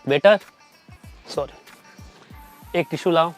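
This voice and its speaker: A man's voice: fairly high pitch, extremely slow, soft background music. A man playing an exasperated young boyfriend ordering food with his girlfriend. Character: flustered young boyfriend at a restaurant.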